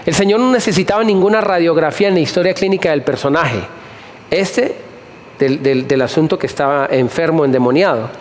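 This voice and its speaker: A high-voiced man preaching a lively sermon to a congregation. He repeats phrases over and over and keeps putting questions to the listeners. A faint hiss runs under the recording. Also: brisk. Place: church hall before a congregation.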